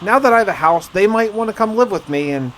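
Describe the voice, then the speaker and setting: A high-pitched, somewhat bright voice with lively intonation narrates a survival game playthrough at a quick pace, with music playing and a little hiss or hum present. The gaming host tells it conversationally, as first-person roleplay storytelling.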